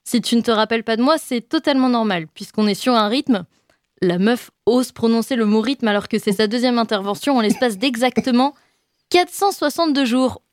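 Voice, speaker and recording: A young woman delivering a comic chronicle in a chatty, self-mocking way, full of quick asides to her listeners. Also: fairly high pitch, no echo, clean studio sound. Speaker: radio columnist. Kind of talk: comic monologue column.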